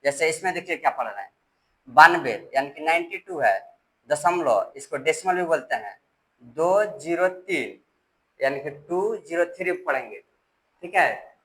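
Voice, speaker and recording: Male math tutor, bright slightly high voice, patient and repetitive, spells out numbers digit by digit. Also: animated, normal speed, poor audio. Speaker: math teacher. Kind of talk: step-by-step classroom explanation.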